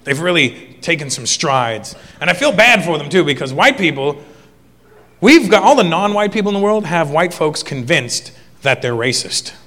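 A man doing a stand-up comedy set, animated and acting out characters in quick voices. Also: on the high side, in a large hall. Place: comedy club stage before a live audience.

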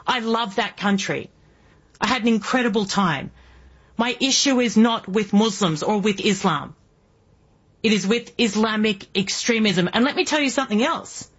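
A husky-voiced Australian woman in her early forties, guest-hosting political talk radio, delivers an emphatic monologue packed with rhetorical questions. She speaks at medium pitch and normal speed, and the audio sounds dull.

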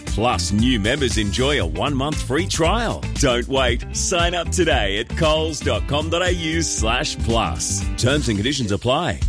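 A man delivers a supermarket announcement as an upbeat, persuasive sales read. His voice sits at an ordinary middle pitch for a man. Clear music plays behind him throughout. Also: animated, unhurried, few pauses. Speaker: advertising announcer. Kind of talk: scripted in-store radio ad.

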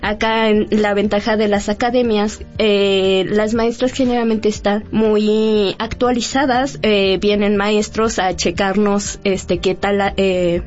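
A woman's voice: medium pitch, little pitch movement, takes it slowly, hardly any pauses, a little mellow, muffled recording, soft background music. A woman, an experienced ballet dancer guest, speaking thoughtfully with fillers. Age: 30s. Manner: thoughtful, uses fillers like este. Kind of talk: radio interview.

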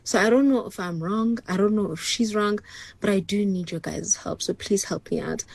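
A woman's voice: mid-range voice, moderate pace, gravelly, a little mellow, no room sound. A woman in a recorded voice message, chatting in an exasperated way as she asks listeners for advice. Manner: chatty and exasperated, telling a workplace complaint. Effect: played back as a recorded voice message. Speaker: listener sending in a problem. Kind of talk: casual recorded voice note asking for advice.

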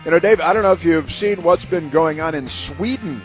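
A male talk radio host chatting in a folksy, halting way. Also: a little high, soft background music.

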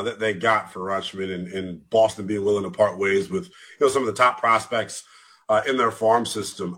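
A young man in his twenties hosts a late-night sports radio show into a studio microphone. His voice is husky yet bright, with a lively, swooping pitch, and he rambles through long questions, correcting himself on the way. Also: low-quality recording. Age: 20s.

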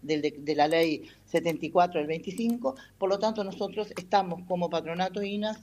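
A woman, speaking in a somewhat low voice, answers interview questions at length and fills her pauses with "este." A faint hiss sits under the recording. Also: darkish tone. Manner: explanatory, many hesitations with "este". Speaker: patronato representative. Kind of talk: radio-style interview answers.

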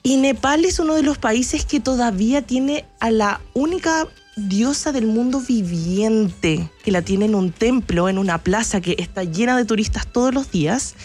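Talkative Chilean woman, bright voice. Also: a little high, moderate pace, slightly rough, soft background music. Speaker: travel agency press chief, guest. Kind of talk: radio interview, enthusiastic travel talk.

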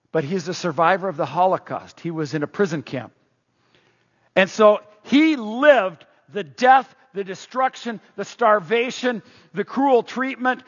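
A middle-aged man with a high, slightly bright voice preaches a conversational sermon, often putting questions to the congregation. The recording is dull and echoes like a reverberant hall.

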